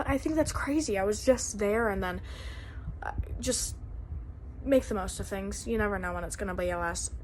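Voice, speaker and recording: Chatting loosely for her vlog, a young woman wanders through her thoughts with frequent "like"s and "um"s. Her voice is mid-range, with a touch of background noise.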